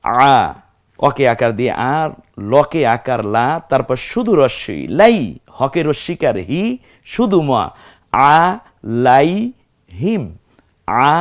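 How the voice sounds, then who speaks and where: A man teaching a step-by-step recitation lesson, spelling out letters, stretching vowels to demonstrate, and answering his own questions to the class. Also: a little high. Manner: asks the class questions and answers them himself.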